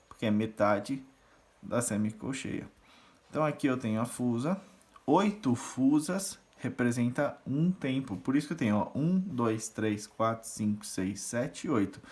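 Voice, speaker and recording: A man teaching rhythm reading and solfège, patiently explaining and counting syllables aloud as he conducts the beat. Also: mid-range voice. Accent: Brazilian Portuguese. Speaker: music teacher.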